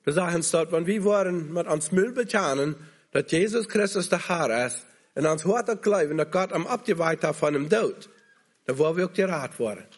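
A man's voice: on the high side, animated, normal speed. A man preaching a sermon, earnestly pleading with listeners to come to Jesus.

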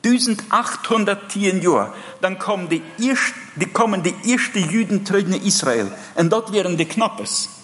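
A man preaching a sermon in an earnest, halting way, often breaking off and restarting his phrases. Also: high-pitched, lively intonation, fairly bright tone. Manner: earnest, halting delivery with many broken-off phrases. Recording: long hall reverb.

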